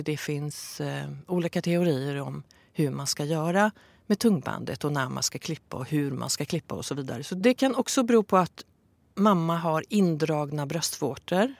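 A woman calmly explaining breastfeeding advice in a casual podcast talk, with some fillers. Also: deep voice, no room sound.

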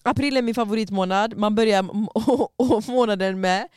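A woman's voice: mid-range voice, smooth, no room sound, clean studio sound. A young woman co-hosting a podcast in casual chat, acting out the lines of people in her stories. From Tunisia. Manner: animated storyteller, acts out quoted dialogue. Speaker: podcast co-host.

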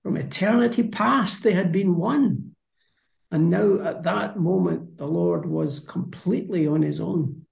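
Man with a really gravelly voice, kinda high, earnest bible chat, echoey room. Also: unhurried, darkish tone. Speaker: Bible study co-host. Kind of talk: conversational Bible discussion.

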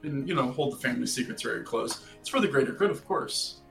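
A man voicing a smooth, manipulative middle-aged father who talks in a formal, coaxing and dismissive way. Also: mid-range voice, lively intonation, fast, fairly bright tone, soft background music.

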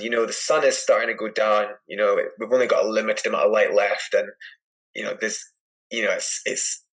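A man with a Scottish accent and a somewhat low voice speaks as a podcast guest. He tells his story casually, rambling and animated, with plenty of filler words. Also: rough recording. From Edinburgh, Scotland. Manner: animated, rambling, lots of "like" and "you know". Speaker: podcast guest, adventure climber.

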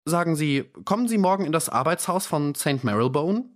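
A man's voice: on the high side, expressive, a little fast, voice pushed up, lightly acted. A man voicing a pious, prim manservant who speaks meekly in an audiobook. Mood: prim politeness. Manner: meek and prim. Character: pious, prim male servant, gently indignant.

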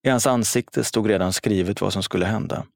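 A man reading a first-person story aloud in a steady, solemn manner. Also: lowish voice, creaky, dry recording, studio quality. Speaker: narrator.

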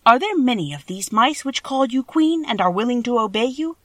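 A woman plays a courteous living scarecrow from a storybook. He speaks earnestly and with animated pitch, politely taking charge. The recording is dry. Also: fairly quick, no room sound. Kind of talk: storybook character voice.

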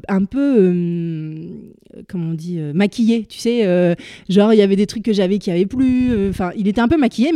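Woman, casual storyteller, slangy and halting, mellow dry voice. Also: on the low side, dry recording. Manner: chatty, halting, full of fillers and slang. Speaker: storyteller guest. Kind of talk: casual personal anecdote.

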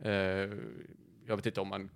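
A man's voice: deep voice, monotone, creaky. Rambling man telling a story. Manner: rambling, self-correcting, lots of fillers. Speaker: podcast host. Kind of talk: casual storytelling chat.

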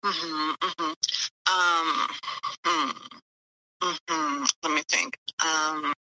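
A woman's voice: low-pitched, steady tone, very slow, bright, forceful tone, poor audio. A woman heard over a speakerphone, the host's sister, teasing bluntly and swearing in a casual family call. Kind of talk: casual family phone chat.

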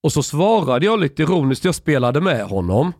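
A man's voice: on the high side, big pitch swings, a little mellow, husky. Ironic man telling a story. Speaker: podcast host. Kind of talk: casual podcast chat.

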